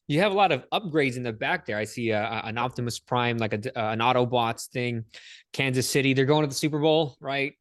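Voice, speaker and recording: A man's voice: mid-range voice, a little fast, dry recording, clean studio sound. Slangy, upbeat man hosting a podcast. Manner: energetic, slangy, says "dude" and "man" a lot. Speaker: podcast host. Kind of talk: casual interview chat.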